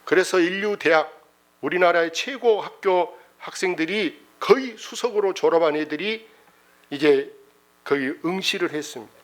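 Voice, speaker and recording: Folksy middle-aged Korean pastor preaching. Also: male voice, high voice, normal speed. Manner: folksy, emotional storytelling with exclamations. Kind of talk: sermon storytelling.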